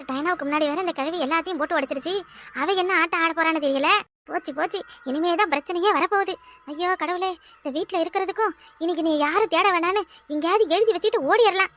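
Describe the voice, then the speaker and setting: A woman's voice: very high-pitched, fairly bright tone, slight background noise. A woman with a southern Tamil accent from Kanyakumari voicing a fretful young village wife in a cartoon. She complains and laments, often exclaiming to herself. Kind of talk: cartoon voice acting.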